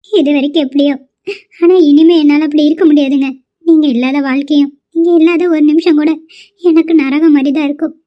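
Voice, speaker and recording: A woman's voice: sits high, fairly even intonation, a little fast, lightly acted. A woman voicing a remorseful, devoted young wife in a cartoon. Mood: earnest. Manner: pleading, emotional. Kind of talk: cartoon voice acting. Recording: dull lo-fi sound.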